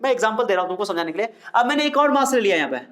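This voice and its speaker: High-voiced man teaching a physics class. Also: animated, very fast, fairly bright tone. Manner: scolds and quizzes students, mixing Hindi and English terms. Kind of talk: classroom lecture. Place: classroom with students.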